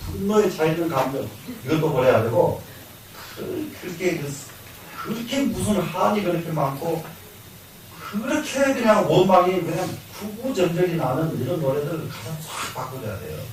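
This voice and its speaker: Older monk lecturing in an echoey hall. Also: male voice, fairly high pitch, very animated, normal speed, slight background noise. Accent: Jeolla Korean. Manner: explains by repeating lines, asks and answers himself, chuckles. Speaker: Buddhist monk lecturing on classics. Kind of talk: classroom lecture. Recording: echoey hall, mic from far off.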